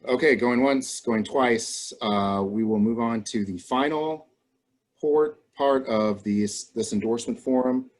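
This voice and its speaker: A man's voice: medium pitch, measured pace. A man moderating an online endorsement forum on a video call, polite and procedural.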